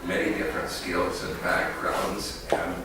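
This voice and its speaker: An economist gives an academic conference talk in a low, monotone voice, speaking a little slowly and hesitantly with many fillers and restarts. It was recorded from a distant mic in an echoey hall with a noisy background.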